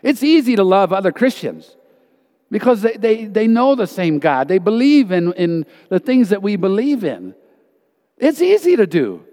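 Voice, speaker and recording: A man gives an earnest, emphatic sermon testimony in a reverberant church hall, recounting stories from his missionary teaching. His voice sits high and sing-song, warm in tone, at a moderate pace.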